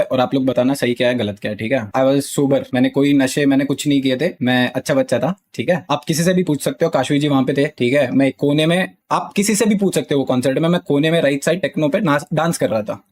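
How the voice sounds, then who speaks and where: A man's voice: on the high side, darkish tone. A young man streaming, explaining himself defensively in an agitated way, his voice climbing when he gets heated. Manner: agitated, repeats "theek hai" often, voice rises when heated.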